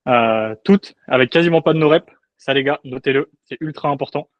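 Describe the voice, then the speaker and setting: A man's voice: mid-range voice, fairly quick, no room sound. A young adult man, a guest coach, chatting in a laid-back, joking way on a podcast. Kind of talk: casual podcast chat.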